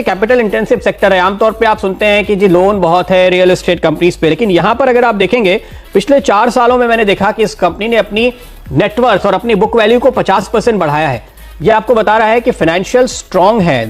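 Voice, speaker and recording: A man giving a steady stock market analysis and talking straight to viewers, explaining why he recommends each share. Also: sits high.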